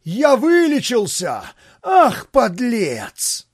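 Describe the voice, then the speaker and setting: A man playing a shrill, panicky young grand duke. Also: lively intonation, slow, dark tone, no room sound, clean studio sound, full character voice. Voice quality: thin tenor. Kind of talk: audiobook character voice.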